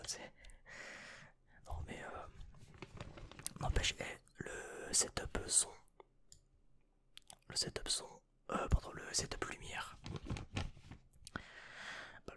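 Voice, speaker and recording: A young man whispering through an unboxing vlog in his bedroom into a desk microphone, hesitant and rambling with mild swearing. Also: pushed and bright. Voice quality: breathy whisper. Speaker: vlogger.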